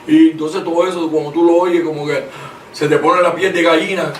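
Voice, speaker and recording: High-pitched male preacher, emphatic, reads verses slowly; distant mic in a roomy space. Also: fairly even intonation. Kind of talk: preaching in conversation. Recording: echoey room, mic at a distance, faint noise.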